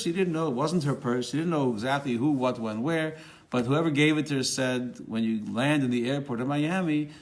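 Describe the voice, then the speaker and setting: Man telling a story with lively quotes. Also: mid-range voice, vocal fry. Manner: animated, rising for quoted dialogue, with fillers and restarts. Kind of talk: spoken storytelling.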